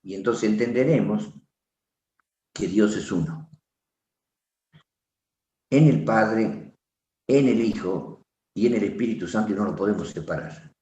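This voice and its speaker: A man teaching a Bible study class, animated and preacherly, often turning to his listeners. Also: fairly low pitch, a little slow, pauses often, lo-fi sound. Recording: roomy echo.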